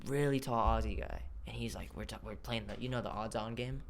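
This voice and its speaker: A young man, a semi-pro footballer and vlogger, telling a story as a guest in casual chat, animated and quoting people as he goes. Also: on the low side, creaky, a little hiss or hum. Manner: fast, animated, acts out quotes, lots of "like".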